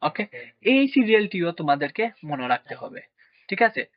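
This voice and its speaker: Male teacher, fairly high voice, patient question-and-answer drilling, dry close sound. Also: big pitch swings, brisk, no room sound, muffled recording. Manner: asks questions and answers them himself, with frequent check-ins. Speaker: math teacher. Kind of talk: classroom lesson for children.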